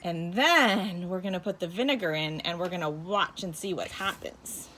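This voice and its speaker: A woman's voice: on the low side, moderate pace, pushed and bright, a little hiss or hum, poor audio. A woman talking like a kids show host, in a child-directed, sing-song teacher's manner, guiding young viewers through a hands-on demonstration. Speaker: children's teacher presenting a home activity. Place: inside a home.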